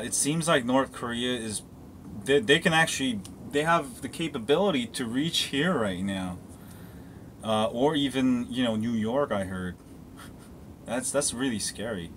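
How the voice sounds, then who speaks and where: Broadcasting on a handheld phone while moving about, partly outdoors, a tech streamer casually answers viewers' questions on phones and assorted topics. His mid-range voice is a bit bright over slight background noise, and his chat keeps restarting and drifting into asides.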